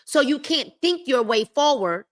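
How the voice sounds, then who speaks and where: On a livestream mic, a woman with a high-pitched, animated, slightly slow voice hosts a live-streamed book club. She reads a self-help book aloud and breaks in with emphatic commentary, repeating key phrases and talking straight to the viewers in her chat.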